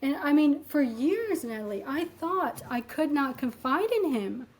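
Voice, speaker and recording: A woman with a high, bright-pitched voice tells her own story as an interview guest. She talks in an animated, unpolished way, peppering her speech with fillers and acting out the exchanges she recalls. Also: unhurried, poor audio. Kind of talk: candid personal account in an interview.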